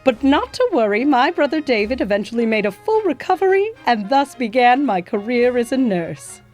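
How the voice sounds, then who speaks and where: A woman acting as a gracious, proud nurse from history, speaking in a genteel, motherly way. The voice sits fairly high and moves a lot in pitch. Soft music plays faintly behind. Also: sing-song, moderate pace. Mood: storytelling. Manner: genteel, calls listener "my dear" and "darlings". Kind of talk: scripted educational acting.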